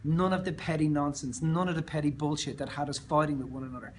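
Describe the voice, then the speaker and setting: A man's voice: fairly high pitch, quick pace, slight background noise. Earnest Australian man telling a story. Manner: earnest and emphatic, often trailing off softer. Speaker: motivational speaker. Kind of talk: motivational vlog storytelling.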